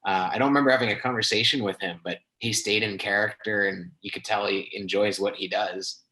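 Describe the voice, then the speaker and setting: Bright-voiced young man chatting. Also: lowish voice, fairly even intonation, a little fast, rough recording. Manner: chatty storyteller, laughs while talking. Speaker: podcast co-host. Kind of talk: casual podcast chat.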